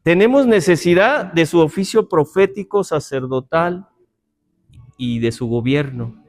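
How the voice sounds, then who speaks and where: A man with a notably high voice leads a Bible class in a church meeting room. He teaches in a chatty, informal way, mixing doctrine with jokes and rhetorical questions aimed at the class. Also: animated, a little slow, darkish tone.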